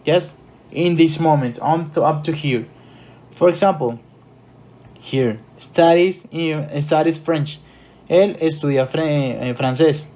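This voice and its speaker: A man with a Colombian Spanish accent teaching an English grammar lesson, switching between Spanish explanations and slow English examples. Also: fairly high pitch, warm tone.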